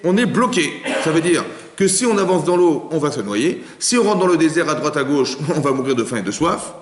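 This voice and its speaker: Man teaching in an echoing synagogue hall. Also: fairly high pitch. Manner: lively, full of rhetorical questions to the audience. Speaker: rabbi teaching a class. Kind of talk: religious lesson to a live group. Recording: echoey hall with long reverb.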